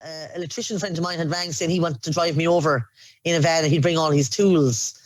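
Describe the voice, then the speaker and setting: A woman's voice: low-pitched, steady tone, brisk, no echo, poor audio. An Irish woman, an aid volunteer, recounting her experiences in an earnest, emphatic documentary interview.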